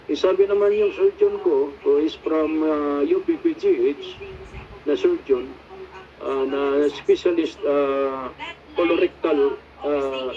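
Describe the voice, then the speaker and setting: A middle-aged man giving a casual spoken testimony as a patient, rambling and searching for words with many fillers, mixing in English phrases. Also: a little high. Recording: dull lo-fi recording.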